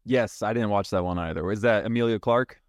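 Low-voiced man, laughing podcast guest. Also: a little fast, no room sound, studio quality. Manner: laughs often, hesitant opinions. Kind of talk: casual podcast chat.

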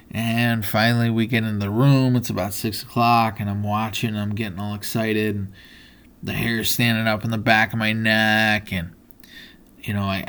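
A man's voice: fairly low pitch, fairly bright tone, smooth. Earnest man telling a personal story. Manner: earnest, many "you know" fillers and restarts. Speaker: podcast host.

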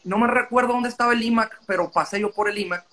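A man's voice: sits high, fast, pushed and bright. A man explaining his views in casual conversation, talkative and often breaking off mid-sentence. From Mexico.

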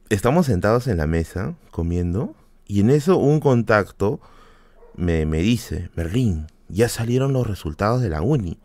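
A young man with a fairly low voice tells a family story in a relaxed, casual way. His pitch swings widely, leaping high whenever he acts out what someone said. The sound is dry and close, with no room around it. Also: no echo. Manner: animated, jumps high when quoting people, repeats words, laughs often. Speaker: podcast host.

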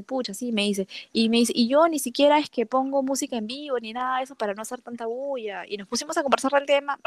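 A woman's voice: fairly high pitch, creaky, no room sound. A young woman casually telling a personal story, acting out the dialogue with lots of fillers. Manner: lively, acts out quoted dialogue, frequent fillers.

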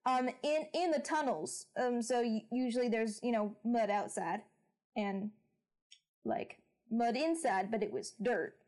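A woman's voice: a little high, measured pace, darkish tone, lightly acted. A woman voicing a chatty scientist investigator who rambles with lots of fillers. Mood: earnest.

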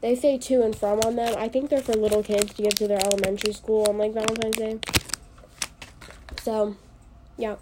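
A young woman hosts a casual solo podcast while congested from allergies, rambling, joking at her own expense and using lots of fillers. Her medium-pitched voice barely moves in pitch, keeps a moderate pace with frequent pauses, and the background is noisy.

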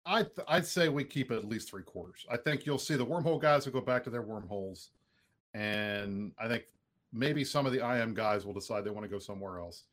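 A man's voice: lowish voice, brisk, fairly bright tone. A man talking loosely and jokingly as a podcast co-host in casual chat.

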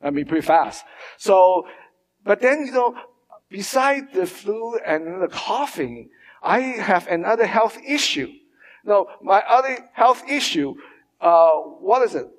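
Preaching in a reverberant church hall, a Hong Kong pastor with Mandarin or Cantonese as his native tongue speaks in a high-pitched, expressive voice. His sermon stumbles along, full of fillers and false starts.

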